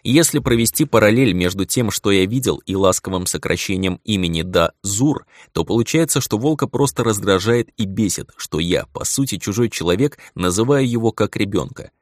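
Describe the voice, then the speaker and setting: A man reading a first-person audiobook in a dramatic, expressive way. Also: on the low side, moderate pace, hardly any pauses, dry recording, clean studio sound. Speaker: audiobook narrator.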